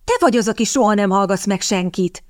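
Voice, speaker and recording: A woman's voice: mid-range voice, animated, no echo, studio quality, close to an everyday voice. A woman voicing a passionate, lovestruck young younger sister who pleads and protests indignantly.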